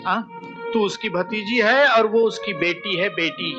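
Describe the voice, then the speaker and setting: An actor playing a ruthless, domineering hijra brothel madam who taunts and bosses everyone around. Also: male voice, measured pace. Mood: mocking. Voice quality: shrill, taunting, bossy. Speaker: brothel keeper. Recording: muffled film audio with loud music.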